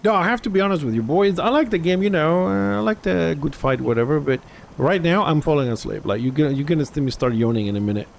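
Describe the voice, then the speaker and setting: A man's voice: a little high, lively intonation, fast, vocal fry, slight background noise. A man with a Greek accent streaming a game live, grumbling and swearing as he restarts his sentences. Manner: restarts and trails off mid-sentence. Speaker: gaming livestreamer. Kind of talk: casual live gameplay commentary.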